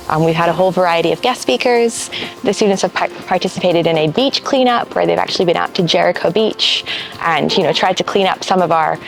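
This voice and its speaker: A woman from a language school giving an upbeat, polished pitch for its summer camp outdoors on a campus. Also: gravelly, low-quality recording. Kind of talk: promotional talk to camera. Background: faint music.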